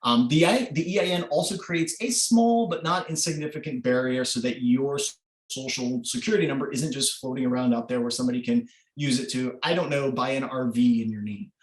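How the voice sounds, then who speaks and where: A man's voice: medium pitch, a little fast. A man presenting an online workshop, explaining informally with many filler sounds over a video call. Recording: roomy echo.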